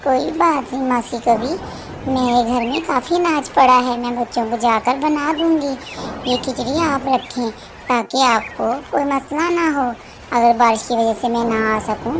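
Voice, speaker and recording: Woman voicing a caring sparrow mom, high voice, noisy track. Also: natural voice. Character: kind female sparrow mother.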